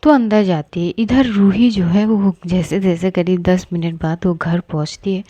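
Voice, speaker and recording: A woman narrates a romance story in a relaxed, conversational way, acting out the characters along the way. Her tone is mellow and warm, and the recording is dry and a little dull. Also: mid-range voice, dry recording. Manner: conversational, colloquial, dramatizing.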